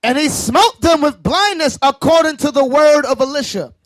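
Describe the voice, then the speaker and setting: A man's voice: very high voice, expressive, moderate pace, no room sound. A man reading Bible verses aloud to a class, declaiming the old-fashioned wording with rising emphasis. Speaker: scripture reader.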